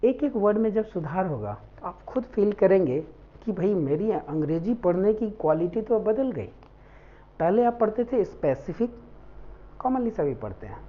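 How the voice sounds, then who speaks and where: Woman English tutor, very slow and deliberate, lively pitch, dull lo-fi mic. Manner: slow, deliberate, spelling words out letter by letter; switches between English and Hindi. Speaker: English teacher. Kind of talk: spoken English lesson. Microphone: faulty mic.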